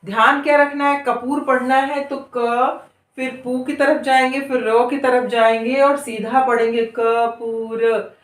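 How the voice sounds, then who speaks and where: A woman's voice: a little high, fairly even intonation, a little slow, roomy sound, far from the mic. A woman teaching beginners to read, who draws out each long vowel and repeats every word several times. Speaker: Hindi reading teacher. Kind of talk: slow, drawn-out spelling lesson for beginners.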